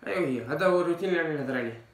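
A fitness vlogger in his twenties with an Algerian Arabic accent gives casual advice to camera from a small tiled kitchen indoors, his talk sprinkled with French loanwords. His fairly high voice is lively and rapid-fire, and the tiled room makes it sound reverberant.

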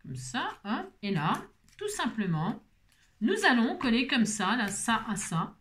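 A woman's voice: fairly high pitch, sing-song, measured pace, a bit bright, slight background noise. Chatty rambling craft tutorial woman. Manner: rambling, self-mocking, talks to viewers while working. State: unwell with migraine.

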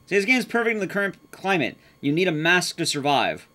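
Streaming a speedrun from a room at home, a man gives casual live commentary in a high, very animated, brisk and sharp voice. He's playful and sweary, reacting to the gameplay, and background noise and clicks are clearly audible.

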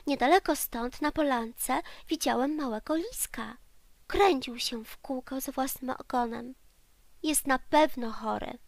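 Lady reading as a little plush bunny in a storybook, out of breath and worried, high and a bit gravelly. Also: a little slow, no room sound. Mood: alarmed. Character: small plush male bunny, breathless and alarmed.

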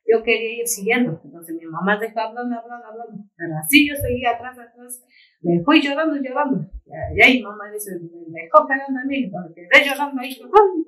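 A woman, a community leader and chef, telling a personal story in an interview in a halting way, repeating words and restarting often. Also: fairly high pitch, fairly bright tone. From Ecuadorian Amazon. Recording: voice picked up from a distance.

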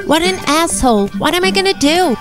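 A young woman playing a sassy, exasperated teenage girl in a campy horror film, exclaiming in a drawn-out way. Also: very high voice, animated. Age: young adult. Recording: loud music over dialogue.

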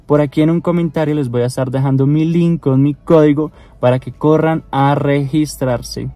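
Young male vlogger, mid pitch, mellow tone, jittery and excitable, phone mic in a car. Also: normal speed, no echo, soft background music. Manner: excitable, nervous, talks straight to camera. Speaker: prank vlogger. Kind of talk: casual prank vlog. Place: inside a parked car. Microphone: phone camera at arm's length.

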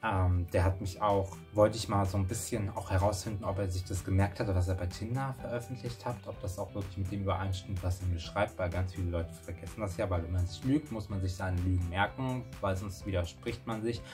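In his small bedroom, a young adult man vlogs a story to camera in a chatty, rambling way, restarting often. He speaks in a low voice, fairly quickly and with hardly any pauses, with music playing under him.

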